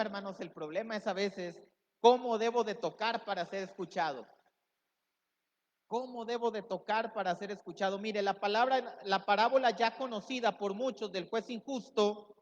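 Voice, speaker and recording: A man's voice: sits high, unhurried. A man giving a sermon as pastor, preaching with emphatic rises and acting out quoted voices. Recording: dull sound with long hall reverb.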